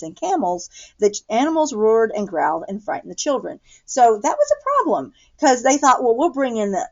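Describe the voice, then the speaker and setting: Reading a picture book aloud to children, a woman with an American accent stops now and then to explain things in simple words. Her voice is on the high side, and the audio sounds dull.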